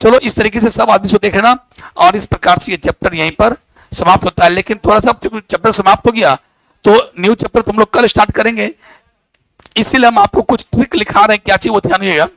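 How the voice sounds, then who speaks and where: High-voiced, lively teacher. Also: male voice, brisk, vocal fry, no room sound. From Bihar, India. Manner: animated storytelling, acts out dialogue in local dialect. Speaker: biology teacher. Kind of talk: classroom lecture with anecdotes.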